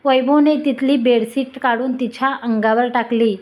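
A woman narrating a love story in a steady reading voice. Her pitch sits a little above the usual for a woman. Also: normal speed.

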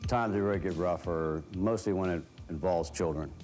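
A man's voice: sits low, normal speed, music in the background. An American man in his fifties, a retired fire chief, speaking reflectively in a documentary interview. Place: fire station beside a truck, music behind.

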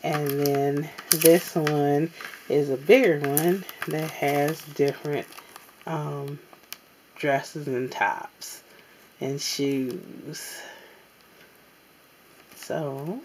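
A woman casually showing off her craft supply haul at a table, talking in an unhurried way with many ums and pauses. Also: low-pitched, darkish tone, slight background noise. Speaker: crafting vlogger. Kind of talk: casual haul show-and-tell. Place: indoors at a tabletop.

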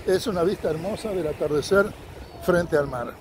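Walking along a sunny beach for a casual travel vlog, a man chats cheerfully with viewers and suggests spots to visit. He talks at a normal speed in a high-sitting voice with a darkish tone, while outdoor beach sounds carry in the background.

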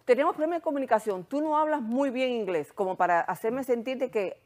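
A woman with a Hungarian accent, a sexologist guest recounting her story in animated, casual chat. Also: a little high, brisk.

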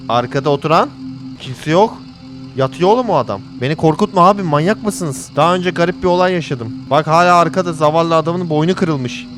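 A man's voice: fairly high pitch, a little fast, a bit bright, faint music behind. A man commentating a horror game in a jokey way, reading its lines aloud and yelping when startled. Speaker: gaming channel host. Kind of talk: let's play commentary.

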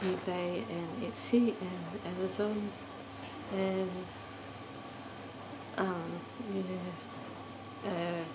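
A woman hosting a doll collector channel, describing a doll in a halting, casual show-and-tell with many ums. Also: on the low side, very noisy.

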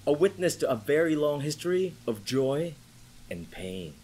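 A man's voice: a little high, moderate pace, husky. A man co-hosting a casual game playthrough, chatting and reading the on-screen story text aloud, gesturing a lot as he talks. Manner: animated, gestures a lot while talking. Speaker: co-host.

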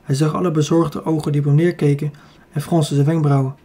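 Male Dutch audiobook narrator, mellow and slightly husky, even measured reading with small slips. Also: on the high side. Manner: steady reading with occasional slips and self-corrections. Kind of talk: scripted narration of a children's fantasy book.

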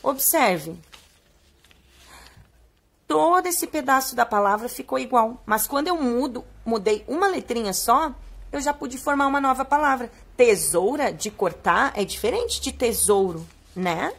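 A young adult woman teacher with a Brazilian Portuguese accent, reading a poem aloud and explaining words to young children, stretching key words slowly in a sing-song way. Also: fairly high pitch, expressive.

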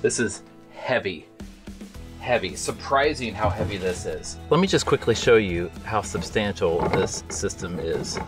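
A man's voice: lowish voice, animated, a little slow, over music. A man in his thirties vlogging aboard a catamaran, chatting to viewers while he works on a project. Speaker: boat owner vlogger. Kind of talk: casual vlog talk. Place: aboard a catamaran, partly in a small cabin.

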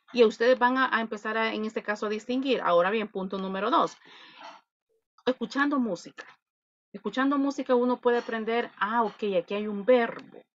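A woman's voice: a little high, muffled recording. A woman English teacher with a Salvadoran Spanish accent, patiently explaining an online class and repeating her points.

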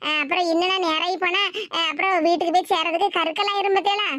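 A woman with a Tirunelveli Tamil accent voicing a courteous older in-law in an animated cartoon comedy, in a low, polite and soft voice. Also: fast, no room sound, clean studio sound.

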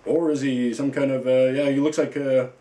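A man's voice: mid-range voice, level tone, normal speed, mellow, roomy sound. A man chatting casually as a toy reviewer, rambling and playful with lots of fillers. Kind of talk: casual unboxing chat.

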